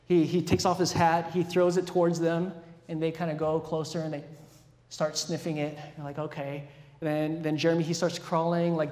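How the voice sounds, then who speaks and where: A high-voiced man preaches a sermon and tells a personal story with animated, self-deprecating humor. His voice rings through a large hall with long, echoing reverb. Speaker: pastor.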